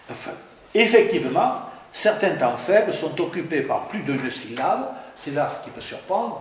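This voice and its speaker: A man giving an academic lecture, talking to a class in a hesitant way with stammered restarts and repeated words. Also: on the high side. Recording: very echoey room, faint background noise.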